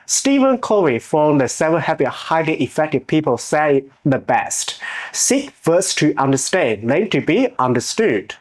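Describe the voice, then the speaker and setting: Very animated and on the high side in pitch, a channel host from China in his thirties narrates a scripted motivational piece in an earnest, measured way. A Chinese accent and minor grammar mistakes mark his speech.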